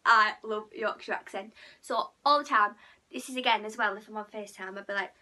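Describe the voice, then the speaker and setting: A young woman from Middlesbrough, England, chats casually to camera in her vlog with a Teesside accent, packing her talk with "like" and "you know what I mean". Her voice is mid-range and sharp in tone, and she talks fast.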